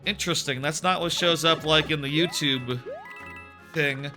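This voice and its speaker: A man with a fairly high voice chats casually at a moderate pace while streaming a game, rambling with lots of fillers. He sounds a bit sniffly, like he has a sore throat, and game music plays behind him.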